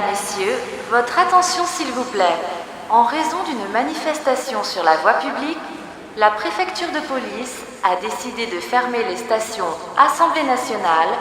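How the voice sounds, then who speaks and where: Station announcer, female, over a PA system; measured formal read, booming echo, heard from a distance. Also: slight background noise. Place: metro station. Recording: echoey, distant station loudspeaker.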